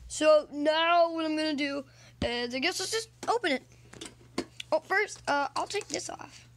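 A woman hosting a casual toy unboxing vlog, narrating chattily and excitedly. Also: high voice, measured pace, noisy background.

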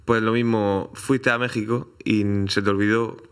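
A man's voice: lowish voice, level tone, normal speed, a bit bright, clean tone. A man from Spain co-hosting a comedy chat, needling his partner with dry sarcasm. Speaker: comedy podcast co-host.

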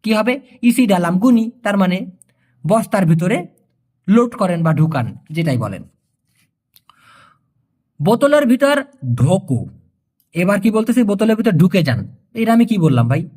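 A man with a fairly high, lively voice that rises and falls a lot. He teaches in a casual video lesson, repeating each phrase and checking that the listener has understood. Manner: explains each word slowly, repeats phrases and asks if it is clear; jokes with the viewer. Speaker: language teacher.

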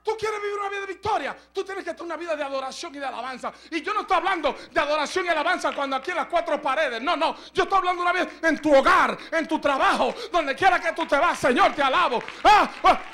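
A male preacher giving a fervent Spanish sermon, often shouting and dropping in short English phrases. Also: very high voice, quick pace, few pauses, slight background noise.

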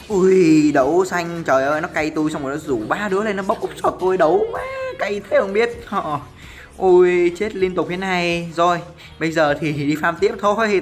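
A young man giving live gameplay commentary, chatty and self-mocking, who jumps to excited yelling in fights. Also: a little high. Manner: self-mocking, cursing banter. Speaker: gameplay streamer. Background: faint background music.

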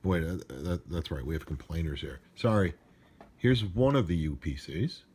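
Grumbling sarcastically, a man unboxes something at a wooden desk indoors, speaking casually and off the cuff into a handheld phone. He sounds low-pitched, husky, a little mellow, and animated, at normal speed. Handling clicks and noise mar the recording.

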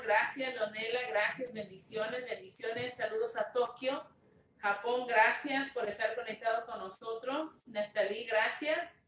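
A woman pastor speaking slowly and tenderly on a livestream, sharing a testimony and greeting viewers, sometimes slipping in English words. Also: a little high, reverberant, recorded from a distance, a little hiss or hum. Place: home room, dim. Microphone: phone on a live stream.

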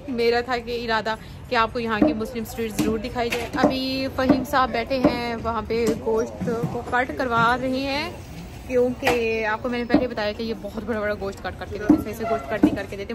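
A young woman from Pakistan, chatty and upbeat, narrating a casual vlog to a phone held at arm's length on a city street at night. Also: on the high side. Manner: chatty, upbeat, talks straight to camera. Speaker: vlogger. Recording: loud street noise.

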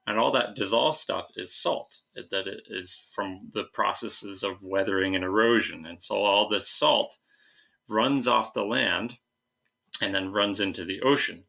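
A man's voice: lowish voice, a little slow, creaky, bright, forceful tone. A young man teaching an informal slide lecture, explaining things with hesitant phrasing and asides at a computer. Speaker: science teacher. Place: indoors, recorded at a computer.

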